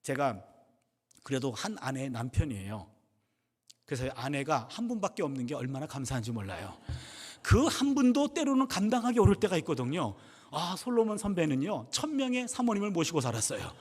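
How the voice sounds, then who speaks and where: Middle-aged male preacher, humorous storyteller, animated high voice, echoing church sanctuary. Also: a little fast, breathy edge. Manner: humorous, storytelling with acted-out dialogue. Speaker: pastor and professor. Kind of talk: sermon at a revival service. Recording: long reverb of a church hall.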